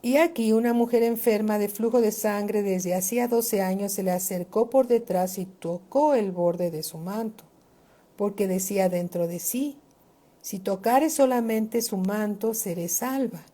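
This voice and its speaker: Older woman pastor, unhurried sermon delivery, emphatic lifts, keeps checking in with the congregation. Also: mid-range voice, mellow. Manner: slow, deliberate preaching with emphatic rises and frequent checks for agreement.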